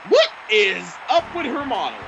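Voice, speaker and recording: Man, let's play co-host, wildly swinging pitch, joking, excitable. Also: normal speed, gravelly, muffled recording, slight background noise. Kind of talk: casual gameplay commentary.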